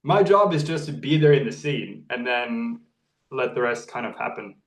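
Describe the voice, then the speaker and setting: A young Norwegian actor and model, speaking as an interview guest, talks earnestly and reflectively in a casual conversation, often restarting his phrases. His voice is mid-range at a moderate pace, sounding reverberant and far from the mic.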